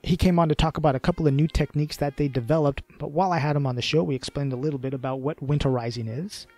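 A man hosting a podcast, talking casually with fillers and repeated words, a little hoarse. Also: fairly high pitch, steady tone, racing, a little mellow, dry recording, soft background music. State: losing his voice. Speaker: podcast host.

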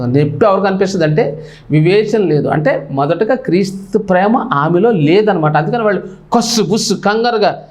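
A male pastor preaching a sermon, with animated emphasis that rises and drops sharply. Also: sits high.

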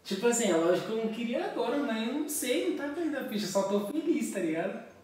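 A man's voice: extremely high pitch, very animated, fast talker, a little mellow, far from the mic. A young man in a casual chat, slangy and saying mano a lot. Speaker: pranked boyfriend. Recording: echoey room, off-mic, faint music.

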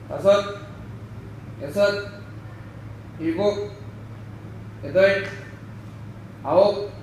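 Male martial arts instructor, high voice, formal and commanding, recorded at a distance in an echoing hall. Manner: clipped, commanding announcements. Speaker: taekwondo instructor calling the test. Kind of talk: formal drill commands and counting. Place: indoor taekwondo training hall. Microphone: distant camera microphone. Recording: echoey hall from far off, faint noise.

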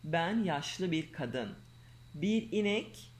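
A woman's voice: fairly low pitch, expressive, very slow. A woman reading as the boastful Gingerbread Man. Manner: sing-song taunting chant. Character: boastful little male gingerbread cookie, runs from everyone. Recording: loud home background noise.

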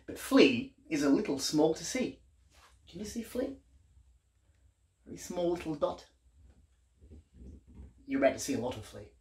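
Reading to young children in a small living room, a man in his thirties gives a playful, exaggerated storyteller performance and asks questions of his audience. His voice is a little high and a little mellow, with a reverberant room sound.

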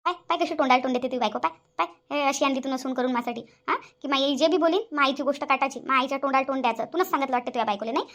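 A bossy cartoon mother-in-law nags and scolds in a high voice, her words tumbling out fast. She speaks with a sarcastic edge. The voice suits a family moral-story cartoon. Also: fairly bright tone. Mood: complaining. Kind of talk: cartoon voice acting.

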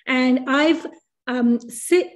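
A Sri Lankan-accented woman in her thirties, a neurologist, gives an online lecture on brain science over a video call microphone. Her voice sits high and she talks very slowly, with many fillers and restarts.

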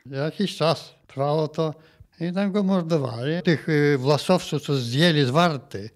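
A man in his eighties from Volhynia, giving his testimony in an interview in a plain, halting way and often ending phrases with a quick tag question. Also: on the high side. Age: 80s. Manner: plain halting telling, tags phrases with "nie?". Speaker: interviewee, massacre survivor. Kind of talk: recounted personal testimony.

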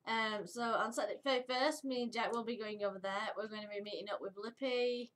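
A woman's voice: on the high side, steady tone, fast, fairly bright tone. A woman chatting casually to camera for her vlog, giggly and upbeat. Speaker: vlogger.

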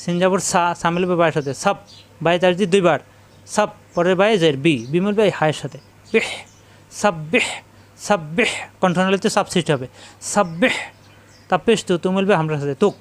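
A man with a Bangladeshi Bengali accent teaches Quran reading in a fairly high voice. He spells each word out syllable by syllable, repeating every sound slowly and steadily as a step-by-step drill. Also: clear, resonant tone. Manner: slow, repetitive syllable drilling.

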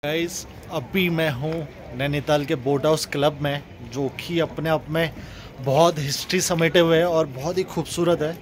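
Slightly high in pitch, with fairly even intonation and normal speed, a chatty Indian man narrates a casual travel vlog as its host, blending English words into Hindi like a tour guide. He films on a phone at arm's length while in a car, then beside a lake outdoors and inside a wooden club. Car and street noise fill the noisy phone recording.

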